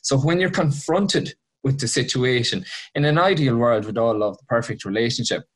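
A man's voice: mid-range voice, normal speed. A man with a west of Ireland accent chatting casually and giving his opinions in a colloquial, anecdotal way.

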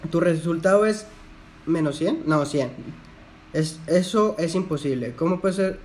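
A man's voice: fairly high pitch, unhurried, darkish tone. A young man with a Mexican accent who reads quiz questions aloud and teases his friend about the answers. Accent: Mexican Spanish. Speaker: quiz reader. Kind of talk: casual chat.

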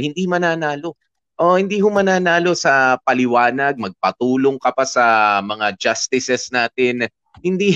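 A man's voice: medium pitch, fairly bright tone, dry recording, lo-fi sound. A man hosting an advice show, chatting casually and reading listener comments aloud, with lots of filler sounds and English mixed in, nursing a sore throat. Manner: chatty, filler-heavy, mixes English into Tagalog. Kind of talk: casual chat.

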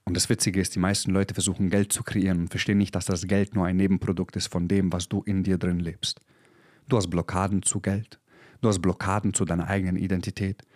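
A man's voice: low-pitched, little pitch movement, fast talker, a little mellow, no room sound, clean studio sound. Intense preachy man in his thirties. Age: 30s. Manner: intense, preachy, swears, drops English phrases. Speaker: podcast host. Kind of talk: motivational podcast monologue. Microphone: podcast microphone.

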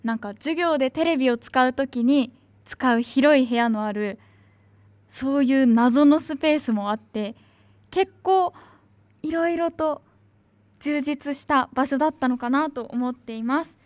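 A woman's voice: sits high, measured pace, dry recording. A young woman, an announcing student, rambling nostalgically in casual free talk. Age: young adult.

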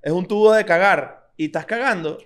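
A man's voice: high-pitched, a little fast, fairly bright tone, clean tone. A man, co-hosting a casual podcast and acting out scenes in slangy talk. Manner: slangy, acts out scenes with sound effects. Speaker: podcast co-host. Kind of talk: casual chat.

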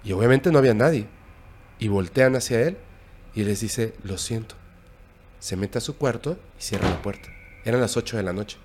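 Hombre mexicano contando una historia de miedo. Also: male voice, lowish voice, slight background noise. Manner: recounting a scary story, hushed and halting. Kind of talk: casual storytelling.

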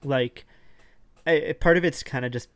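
A man's voice: medium pitch, moderate pace, a bit bright, dry recording. A man co-hosting a casual online chat show, talking loosely with many fillers and restarts. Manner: hedging, lots of "like" and restarts. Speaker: podcast co-host. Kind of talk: casual chat over voice call.

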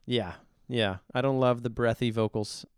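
A man's voice: medium pitch, steady tone, moderate pace, smooth, no echo, studio quality. A middle-aged man co-hosting a podcast, giving blunt, opinionated song reviews in casual chat. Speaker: podcast co-host reviewing songs.

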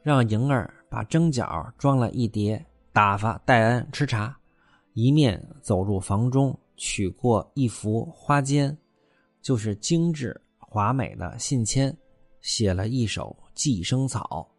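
A man's voice: medium pitch, lively intonation, slow, dry recording, faint music behind. A man narrating a classic tale as a storyteller, with chatty explanatory asides.

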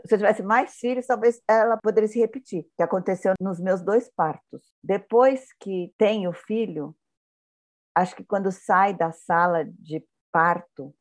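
A Brazilian woman co-hosting a podcast, talking in slow, reflective casual chat with joking asides. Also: medium pitch. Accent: Brazilian Portuguese. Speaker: podcast co-host.

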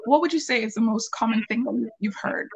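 A woman hosting a podcast, giving the intro and then interviewing her guest with warm encouragement and quick mm-hmms. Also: a little high, creaky, breathy edge, highs cut off. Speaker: podcast host. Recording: faint music under the voice.

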